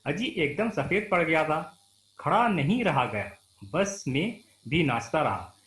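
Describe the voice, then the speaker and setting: A man's voice: a little high, big pitch swings, unhurried, a bit bright. A man reading as a bewildered father of a sick boy. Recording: roomy echo.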